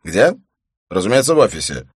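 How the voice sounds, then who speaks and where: A man voicing a flustered, impatient married man who barks loudly into a phone. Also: on the low side, sing-song, brisk, breathy edge, no room sound, studio quality, voice pushed up, heavily acted. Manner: loud, impatient.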